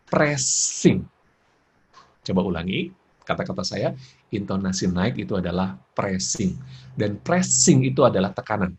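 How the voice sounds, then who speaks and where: A man giving an expressive parenting lecture, laughing often and acting out examples. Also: on the low side, husky. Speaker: parenting speaker.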